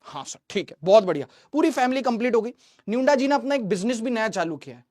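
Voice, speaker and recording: A man's voice: very high voice, expressive, fast, darkish tone, no room sound, clean studio sound. A man teaching physics in a live online class, joking with viewers' comments and drilling terms by asking them back. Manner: drills terms by call and response. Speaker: physics teacher for exam students.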